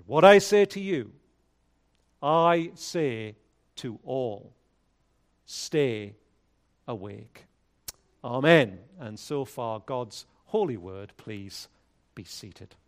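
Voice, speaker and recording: A male pastor speaks into a pulpit microphone, leading a congregation in prayer and reading scripture aloud. His pitch sits in the middle range. He takes his time, with a measured, solemn liturgical delivery. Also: animated.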